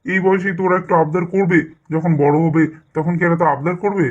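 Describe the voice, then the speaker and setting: A man voicing a soft-hearted, doting father in a doll cartoon who pleads and appeases. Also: high-pitched, steady tone, fast talker, slightly rough. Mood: pleading. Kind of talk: doll story voice acting. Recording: dull lo-fi recording.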